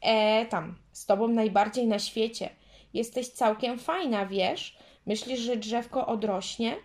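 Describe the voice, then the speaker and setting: A woman voicing a proud, excitable little girl in a children's storybook reading, eager and bright. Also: fairly high pitch, a little slow. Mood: friendly.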